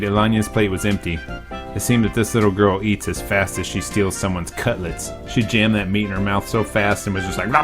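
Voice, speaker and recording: With a lowish voice, a man plays host in a let's play, reading a visual novel out loud. He's casual and swears freely, every so often breaking into yelling.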